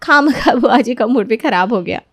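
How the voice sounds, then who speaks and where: A woman's voice: a little high, animated, moderate pace, a bit bright, no echo, studio quality. A woman voicing a cheerful young woman in a cartoon story, who talks lightly and easily. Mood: fretting. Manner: light, easygoing, pleading. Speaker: Sonia, the niece.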